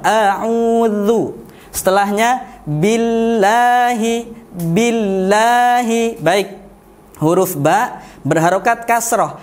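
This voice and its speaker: A man with an Indonesian accent teaching Quran recitation step by step, drawing out example syllables and often correcting himself mid-sentence. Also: sits high. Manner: slow, deliberate, drawls out example syllables; frequent self-corrections with "eh". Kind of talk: patient step-by-step tajwid lesson.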